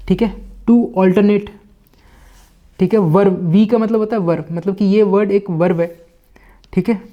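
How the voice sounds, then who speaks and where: Indian man teaching vocabulary, mellow voice. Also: sits high. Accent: Indian English. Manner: reads English lines slowly, then explains in Hindi with many "ठीक है" fillers. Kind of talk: Hindi-English lesson explaining a book line by line.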